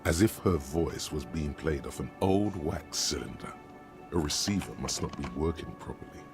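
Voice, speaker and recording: An actor playing the ominous, wry inner narrator of a detective video game, speaking in a deliberate, dramatic, dry way. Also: male voice, rumbling low, animated. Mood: eerie, grave. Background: music.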